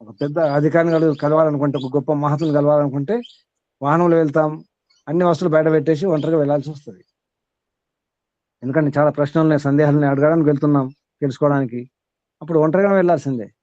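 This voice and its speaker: A man with a fairly high voice leads a spiritual discourse as a teacher. He quizzes his listeners, repeats his key words, and lets out a chuckle between points. The recording is dry and a little dull. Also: fairly even intonation, quick pace, long pauses, a little mellow, no echo. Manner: repeats key words and asks the audience rhetorical questions. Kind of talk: question-and-answer spiritual discourse.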